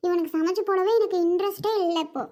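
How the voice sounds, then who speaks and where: Young wife, complaining, plaintive, woman acting, high-pitched. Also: fairly even intonation, fast talker, warm tone. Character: young wife complaining about her husband. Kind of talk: family skit acting.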